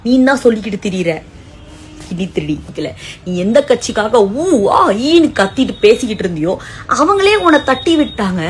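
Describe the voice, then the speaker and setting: A woman's voice: on the high side, sing-song, brisk. A woman, scolding someone with contempt in a social media rant. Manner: scolding, contemptuous, talks down to her target.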